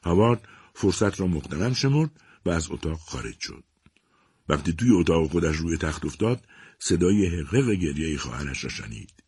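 A man narrating a story in a measured, expressive way. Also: low voice, breathy edge, no echo, clean studio sound.

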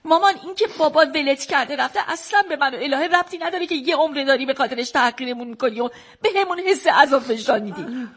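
A woman's voice: high voice, expressive, few pauses, fairly bright tone. An actress playing a pleading young woman. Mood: defiant. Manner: pleading and defensive. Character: young woman athlete, pleading then defiant. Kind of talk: radio drama acting.

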